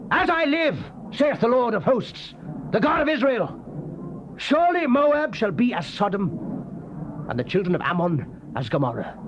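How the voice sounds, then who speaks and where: On a noisy old cassette tape with dull audio, a man with a British accent and an extremely high-pitched voice performs a dramatized King James Bible reading. He delivers the scripture in a solemn, theatrical, declamatory style.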